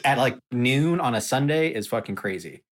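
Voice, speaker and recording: A man's voice: medium pitch, expressive, moderate pace. A man co-hosting a casual podcast chat, loose and swearing freely while telling stories. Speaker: podcast co-host.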